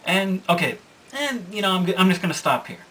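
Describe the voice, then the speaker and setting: A man's voice: sits high, sing-song, fairly quick, a bit bright. A young man casually recapping a manga's plot, rambling and correcting himself with amusement, recorded from a distance. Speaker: manga reviewer.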